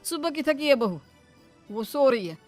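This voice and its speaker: A woman's voice: high-pitched, animated, unhurried, a little mellow, faint music behind. A woman voicing an easygoing young husband in a cartoon story, brushing off his wife's worries. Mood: dismissive. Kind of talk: cartoon voice acting.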